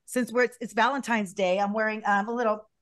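Excitable, playful woman co-host, fairly high voice. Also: a little fast. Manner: excitable, playful, repeats herself, slangy. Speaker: podcast co-host. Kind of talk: casual chat.

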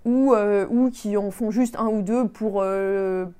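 A young woman talks through her subject in a relaxed interview, pausing often and filling gaps with small hesitations. Her voice sits at an ordinary middle pitch, and her delivery is patient and explanatory. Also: smooth. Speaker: guest, amateur triathlete. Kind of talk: conversational explaining.

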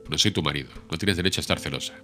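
A man's voice: a bass voice, rapid-fire, bright, forceful tone, faint music behind. A man reading the lines of a brooding, vengeful young man in an audiobook, bitter and menacing.

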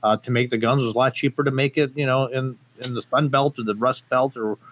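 Born in Portugal and raised in the United States, this man appears as a gun company guest on a casual podcast interview. His mid-range voice is brisk and fairly bright, with fairly even intonation, and he talks emphatically, full of fillers and restarts. Slight background noise is audible.

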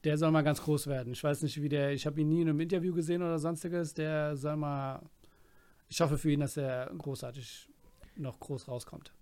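Higher-pitched man, dry musing chat. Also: steady tone, a little fast, darkish tone. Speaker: podcast co-host. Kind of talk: casual chat.

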